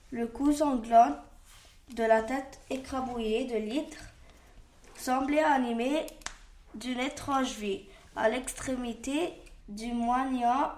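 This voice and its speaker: A woman reading a storybook aloud slowly and carefully, with restarts. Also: fairly high pitch, a little mellow. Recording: roomy echo.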